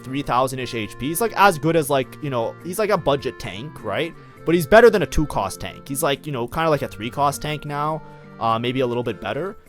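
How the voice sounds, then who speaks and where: A man casually commenting on his own strategy game match as a streamer, talking in a loose, chatty way full of fillers. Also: on the high side. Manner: chatty, lots of fillers like "like, you know".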